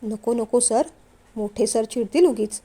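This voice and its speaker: A woman's voice: a little high, a little fast, dark tone, natural voice. A woman voicing a frank, bold young female employee in a storybook reading. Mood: worried.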